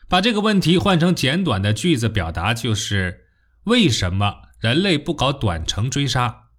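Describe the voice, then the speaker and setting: A man narrates popular science in the manner of a nature documentary. His mid-pitched voice moves through very animated rises and falls, stressing key phrases like a storyteller. The delivery is scripted and expressive. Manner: storytelling, with rhetorical questions and expressive emphasis.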